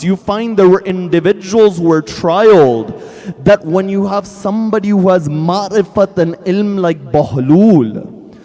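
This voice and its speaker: A man preaching a devotional sermon in an earnest, measured way, with long pauses. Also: sits high, warm tone. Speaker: Islamic preacher. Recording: long hall reverb.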